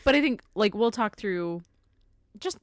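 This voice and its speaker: A woman's voice: mid-range voice, animated, unhurried, no echo, clean studio sound. A woman hosting a podcast, recapping in an informal, giggly, chatty way. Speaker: podcast host. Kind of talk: casual chat, recapping a talk.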